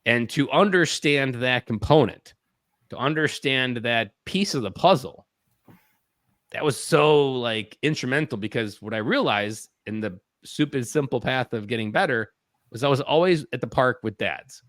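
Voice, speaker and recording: A man's voice: medium pitch, lively intonation, normal speed, fairly bright tone, no room sound, clean studio sound. A man in his thirties, a podcast guest, telling personal stories in an earnest way and acting out his own thoughts. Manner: earnest, acts out his own inner voice in quotes. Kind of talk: reflective storytelling in a podcast interview.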